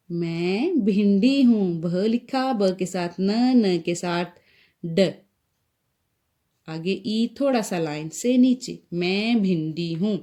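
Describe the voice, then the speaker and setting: A woman's voice: mid-range voice, mellow. A woman from Pakistan with a Pakistani Urdu accent teaching young children to write, spelling out letters one by one. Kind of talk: recorded Urdu writing lesson for young children.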